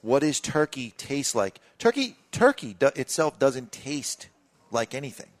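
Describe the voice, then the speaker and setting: Relaxed male radio co-host explaining. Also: medium pitch, measured pace. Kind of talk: casual radio chat.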